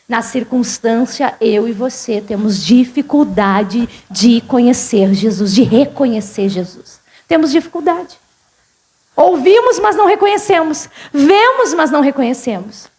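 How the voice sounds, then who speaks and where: Uma pastora gaúcha de voz bem aguda prega num culto. Ela fala com a congregação como numa conversa e faz perguntas o tempo todo. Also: female voice, on the high side, darkish tone. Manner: conversational, questions the congregation often. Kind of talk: sermon. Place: church service.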